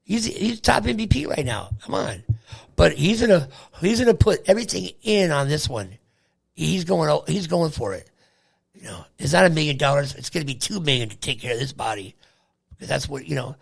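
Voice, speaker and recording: A man's voice: a little high, animated, brisk, vocal fry, slightly rough. An older man chatting casually about sports and history with his son, rambling, trailing off and laughing often. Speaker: guest, host's father. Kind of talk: casual chat.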